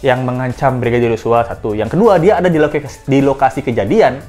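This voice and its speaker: A woman's voice: very deep voice, fast, mellow, soft background music. A woman hosting casual news commentary, chatty and speculative, acting out quotes and laughing at her own jokes. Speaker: host of a commentary channel.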